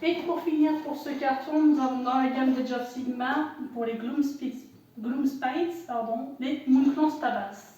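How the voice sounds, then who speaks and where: A woman's voice: sits high, fairly even intonation, moderate pace, few pauses, mellow, dull audio. A woman presenting an unboxing for her shop in casual commentary, hesitant, with many fillers and self-corrections. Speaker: shop owner unboxing products. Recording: echoey room, voice far from the mic.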